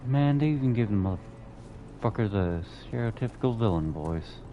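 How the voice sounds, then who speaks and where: A man streams a video game with casual, muttered, sweary commentary. His voice is deep but swings about a lot, with clear background noise behind it. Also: expressive, normal speed, highs cut off.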